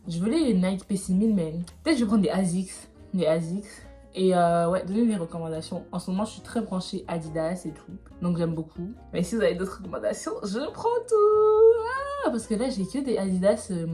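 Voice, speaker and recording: A woman's voice: fairly low pitch, fairly quick, mellow, faint music behind. A young woman from Belgium in casual vlog chat, talking straight to her viewers. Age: young adult. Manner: chatty, talks straight to viewers. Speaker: vlogger.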